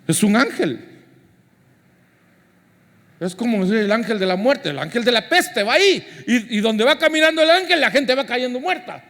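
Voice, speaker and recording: A man preaching a sermon as pastor, swinging from near-shouts to hushed prayer. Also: high voice. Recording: long hall reverb.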